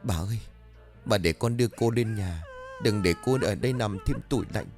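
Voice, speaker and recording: A man playing a loyal young manservant, soft-spoken and sorrowful, low voice with a lively pitch. Faint music plays behind. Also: normal speed, natural voice.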